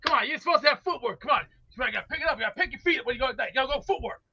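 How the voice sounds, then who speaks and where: A man's voice: extremely high pitch, lively intonation, rapid-fire, creaky, bright, forceful tone, husky. A man chanting and boasting playfully while calling in to a sports show. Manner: chanting, taunting. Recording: dull lo-fi line.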